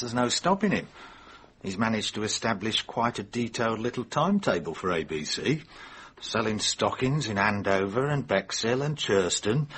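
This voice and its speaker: An actor playing a world-weary English Scotland Yard inspector in a radio mystery, colloquial, gossipy and wry. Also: male voice, fairly low pitch, a bit bright, husky. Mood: grudging. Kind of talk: radio mystery drama acting.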